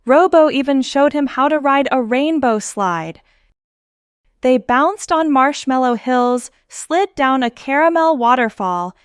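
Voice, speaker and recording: This host has a high-pitched, smooth voice, captured in a dry, clean studio recording. She reads a storybook to young children with expression and simple phrasing while jingly children's music plays behind her.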